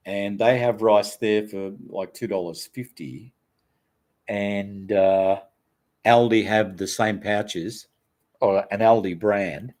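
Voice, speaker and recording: An older Australian man, a former radio presenter, chatting casually on a live stream, reading out viewer comments in a relaxed, rambling, self-deprecating way. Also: lowish voice.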